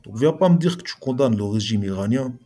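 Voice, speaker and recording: A man's voice: medium pitch, animated, fairly quick, mellow. A man giving an argumentative reply monologue to a video blogger, speaking combatively and straight at his critic. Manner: combative, addresses critic directly.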